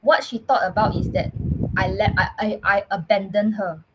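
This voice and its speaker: A woman with a Singaporean English accent telling her own story as a podcast guest, earnest and halting, often restarting her words. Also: medium pitch, highs cut off, noisy background. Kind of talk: personal storytelling in casual chat.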